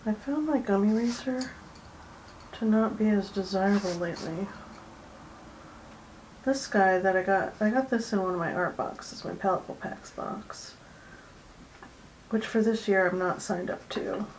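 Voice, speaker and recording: A woman hosting a drawing session at her home art desk, chatting casually and going soft and hushed when she concentrates. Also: mid-range voice, a little slow, long pauses, a little hiss or hum, poor audio. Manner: soft-spoken, drifting into near-whispers while concentrating; chatty and easygoing, with fillers and small laughs. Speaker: art channel host. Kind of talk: casual drawing tutorial chat.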